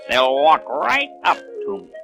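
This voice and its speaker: A woman's voice: deep voice, huge pitch swings, unhurried, creaky, music in the background, exaggerated voice. A woman playing a sneaky male cartoon coyote villain on a children's read-along record, theatrically plotting aloud to himself. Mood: scheming.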